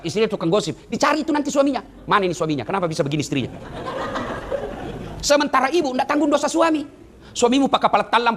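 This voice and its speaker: A man giving a humorous sermon, teasing his audience and swinging between high exclamations and low, earnest asides. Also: noisy background. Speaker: Islamic preacher.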